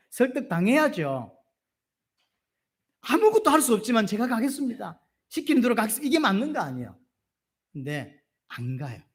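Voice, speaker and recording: A middle-aged male pastor preaching a sermon, casual and joking, acting out quoted lines in loud high bursts. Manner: colloquial, joking asides.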